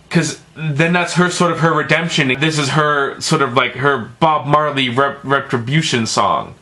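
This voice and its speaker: A man's voice: a little high, pushed and bright. A man giving a casual, profane film review, rambling and stumbling over his words, with emphatic, exasperated complaints.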